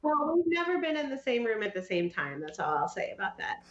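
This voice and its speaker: A woman's voice: on the high side, very animated, brisk, reverberant. A woman who is a researcher and writer, a quiz contestant who talks in a wry, articulate way. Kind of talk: casual quiz show chat.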